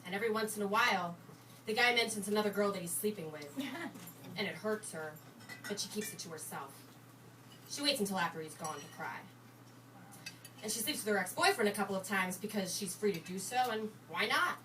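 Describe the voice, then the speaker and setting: An actress performing a monologue as a jaded young woman, telling it in a wry, deadpan way with a bitter edge. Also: medium pitch, brisk, pauses often. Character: sardonic young woman, jaded about romance. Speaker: stage actor performing a monologue. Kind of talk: theatrical monologue. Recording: distant mic, noisy background.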